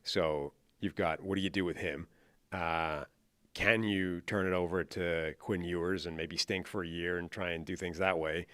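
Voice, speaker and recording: A man's voice: low voice, fairly even intonation, normal speed, pushed and bright, no room sound. A man co-hosting a casual football podcast, wry and joking, spinning out a running bit. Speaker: podcast co-host, football analyst. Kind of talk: casual sports podcast chat.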